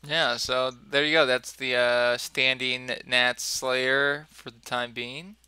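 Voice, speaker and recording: A man co-hosting a podcast, chatting casually about listener-sent game items in a relaxed way. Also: mid-range voice, slow, clear, resonant tone, no echo. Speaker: podcast co-host. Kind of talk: casual gaming chat.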